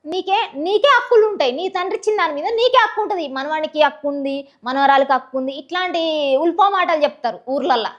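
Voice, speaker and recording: A woman's voice: high-pitched, animated, fast, fairly bright tone, highs cut off. A woman with a Telangana Telugu accent from a village, speaking bluntly and passionately as an interview guest. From rural Telangana village. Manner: blunt, outspoken, impassioned. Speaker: guest, social media personality. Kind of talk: candid interview talk.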